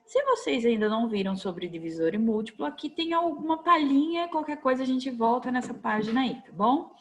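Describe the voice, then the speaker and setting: A woman with a Brazilian accent gives a recorded lesson to children, her voice slightly high. She is patient and coaxing, checking in often with little questions. She speaks into a computer mic at her desk. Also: expressive, fairly quick, slight background noise. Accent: Brazilian Portuguese. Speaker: primary school teacher. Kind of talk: recorded online class for children.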